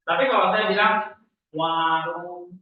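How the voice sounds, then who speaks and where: A man's voice: sits high, steady tone, slow pace. A man teaching a grammar lesson, quizzing his class with frequent "eh" fillers. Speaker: Greek language teacher. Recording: roomy, dull classroom recording.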